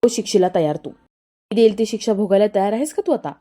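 A woman's voice: mid-range voice, expressive, fast, mellow, close to an everyday voice. A woman reading as a stern old female guru. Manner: reproachful, commanding.

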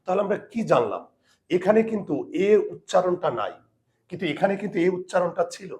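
Male language teacher, somewhat high voice, patient and repetitive, steady classroom delivery. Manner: patient, repeats rules slowly for students. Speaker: Bengali grammar teacher. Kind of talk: spelling lesson to students.

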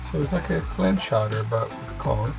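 Brief: man in his fifties, gravelly, laid-back explainer, music under him. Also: mid-range voice, moderate pace, poor audio. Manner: relaxed, explains as he cooks. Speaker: sailing vlogger. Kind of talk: casual chat while cooking. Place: boat galley, indoors.

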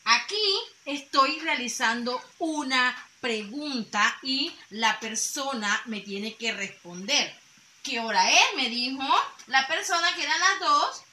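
Bright high-voiced woman teaching children. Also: lively intonation. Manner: patient, repeats each point slowly. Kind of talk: classroom lesson for young children. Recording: echoey room with faint noise.

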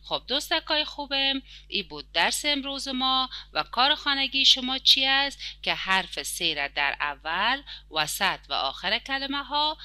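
A woman with an Afghan Dari accent teaching a children's lesson, stretching out words slowly for young pupils. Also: high-pitched, sing-song, sharp tone, smooth, no echo. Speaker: primary school teacher.

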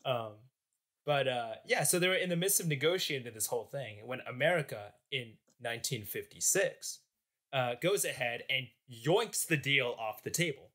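Male history podcast host, jokey casual storytelling, bright tone, lively pitch. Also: moderate pace.

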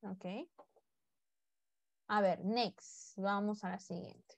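A woman's voice: mid-range voice, little pitch movement, extremely slow, gravelly, no room sound. A woman teaching English to a class online, speaking mostly Spanish and coaxing her students to repeat words after her. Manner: coaxing, drills pronunciation by repeating.

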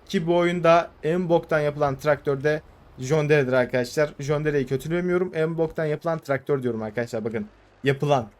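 A young man giving casual, excitable commentary over a farming game, urging the vehicle on with quick repeated words. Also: on the high side. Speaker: gaming YouTuber. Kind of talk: casual let's-play commentary.

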